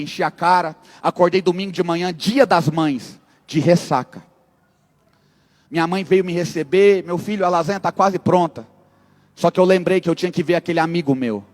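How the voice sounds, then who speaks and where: A man's voice: high voice, big-room sound. A man telling his testimony as a sermon, acting out dialogue with humorous asides. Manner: dramatic storyteller, acts out dialogue, humorous asides. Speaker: preacher giving testimony.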